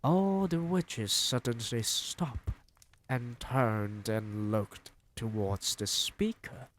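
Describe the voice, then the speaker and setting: A man reading a novel aloud on a stream, with expressive, dramatic narration. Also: medium pitch, takes it slowly, slight background noise. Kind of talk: storybook reading.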